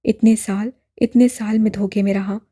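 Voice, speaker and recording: A woman voicing a distraught young man who pleads and shouts in despair, in an audiobook drama. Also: mid-range voice, flat delivery, normal speed, husky, lightly acted. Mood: desperate.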